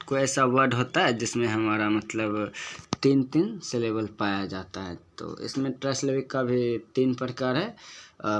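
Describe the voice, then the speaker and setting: In a slightly bright, medium-pitched voice, a man walks through a lesson on poetic meter one step at a time. He asks his own questions, answers them, and says sample words slowly so their stress is clear.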